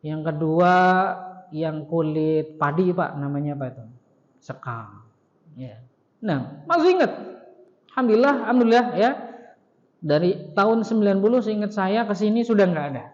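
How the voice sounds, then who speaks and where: A man's voice: sits high, expressive, moderate pace, long pauses, darkish tone. A middle-aged man teaches a religious study class, chatty and direct, often asking the room questions. His voice rings with the long echo of a mosque hall. The sound is a bit dull and muffled. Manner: conversational, addresses the audience with questions and frequent "ya". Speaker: Islamic teacher.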